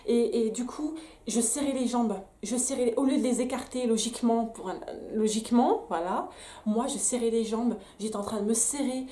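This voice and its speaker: A woman's voice: on the high side, moderate pace, dark tone. A young woman vlogger candidly telling a personal story straight to the camera, emphatic and full of restarts. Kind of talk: story time vlog. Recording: echoey room.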